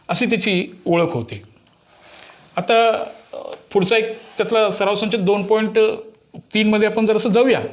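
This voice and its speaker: A man teaching maths step by step, explaining to children and coaxing them with frequent check questions. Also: sits high.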